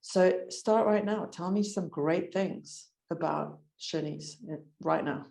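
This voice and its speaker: Low, mellow-voiced woman coaching. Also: gravelly. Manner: encouraging, direct, measured. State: voice shaking from cold. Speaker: recovery coach. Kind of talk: coaching call.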